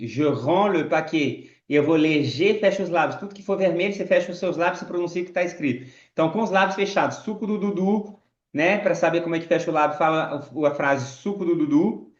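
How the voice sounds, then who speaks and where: French male teacher, slow repeated drills, a bit high, roomy dull recording. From France. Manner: slow, drawn-out model phrases, repeated drills. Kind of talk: pronunciation lesson.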